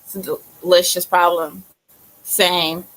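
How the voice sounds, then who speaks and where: A woman with a bright, forceful voice chats casually on a livestream video call. A faint hum of background noise sits under her talk. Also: on the low side, little pitch movement, takes it slowly, rough recording.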